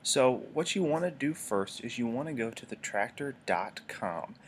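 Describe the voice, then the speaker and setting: A man's voice: medium pitch, expressive, moderate pace, a little hiss or hum. A man with a stuffed-up, nasal voice from allergies, narrating an informal screencast tutorial in a conversational, explanatory way. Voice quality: congested, nasal. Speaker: tutorial presenter. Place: voice-over for a screen recording.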